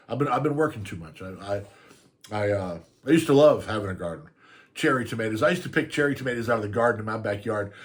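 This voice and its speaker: Older man telling a rambling story. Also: fairly low pitch. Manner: rambling, laughs through his story. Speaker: vlogger. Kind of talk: casual storytelling.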